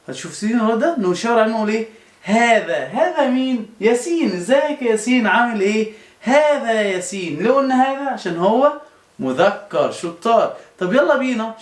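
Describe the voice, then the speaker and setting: In a roomy, echoing space, a man with an Egyptian Arabic accent teaches young children as a primary school teacher, drawing them out through repeated questions and answers. His voice is very high and fast, with big swings in pitch.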